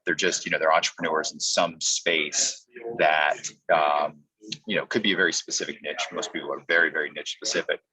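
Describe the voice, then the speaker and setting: Speaking briskly in a steady, pushed and bright voice, this man coaches on a podcast, walking through his training points step by step. He explains with example lines, performing sample pitches in quotes, and the recording sounds muffled, dull and lo-fi.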